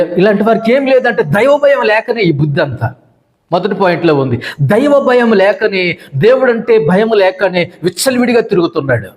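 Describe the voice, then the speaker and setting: A middle-aged male pastor preaching a sermon, driving his points home with long repeated lists and acting out the complaints of wives. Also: high-pitched.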